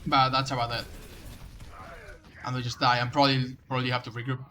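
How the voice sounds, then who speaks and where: A man's voice: medium pitch, little pitch movement, fairly quick, pushed and bright, a little hiss or hum. A man reviewing someone's game footage, coaching them in casual commentary, often stumbling and restarting his sentences. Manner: coaching, direct advice.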